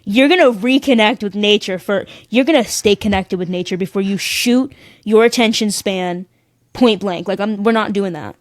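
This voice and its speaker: Sassy, animated woman telling stories. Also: medium pitch, normal speed, no room sound, studio quality. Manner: animated, sassy, acts out voices in her stories. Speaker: podcast guest. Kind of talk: casual storytelling chat.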